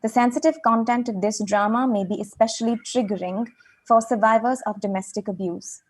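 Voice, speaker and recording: A woman reading a formal content warning in a slow, careful voice. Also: on the high side, fairly even intonation, natural voice.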